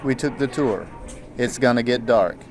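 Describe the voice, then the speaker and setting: A man's voice: mid-range voice, moderate pace, soft background music. A man narrating a travel vlog casually in the first person, with a wry, understated way of talking. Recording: clearly noisy background ambience.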